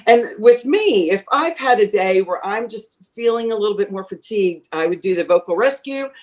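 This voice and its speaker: Animated and a little mellow, this medium-pitched woman talks at normal speed as an interviewed voice teacher. Her chatty answers offer advice from years of teaching, peppered with fillers and false starts.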